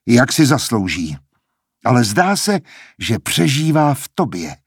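A man voicing a stern, bitter older male academy dean in an audiobook, speaking in a cold, measured, mocking way. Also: mid-range voice, big pitch swings, husky, no echo, studio quality.

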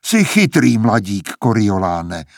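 A man voicing a stern, bitter older male academy dean in an audiobook, speaking in a cold, measured, mocking way. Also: fairly low pitch, sing-song, creaky, dry recording, studio quality, full character voice.

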